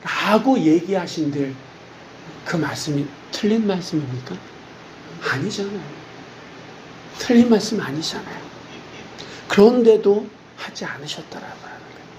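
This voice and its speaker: A middle-aged male pastor preaching a sermon in an animated way, often asking the congregation rhetorical questions. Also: high-pitched, moderate pace, long pauses, noisy background.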